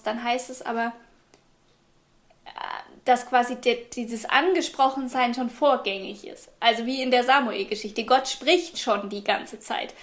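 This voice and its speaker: Woman pastor, high voice, reflective and hesitant in casual talk. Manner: thoughtful, hesitant, many fillers. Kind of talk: casual faith podcast chat.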